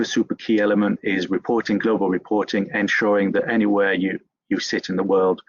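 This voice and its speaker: A man giving a business presentation to an industry webinar audience, halting often with fillers and restarts. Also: on the low side, dry recording, muffled recording.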